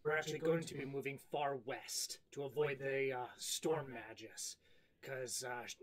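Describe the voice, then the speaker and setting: A man's voice: medium pitch, fairly even intonation, normal speed, natural voice. A man playing a bold, bluffing female half-orc emissary in a tabletop game, assertive and improvising. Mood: firm. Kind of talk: improvised tabletop role-play.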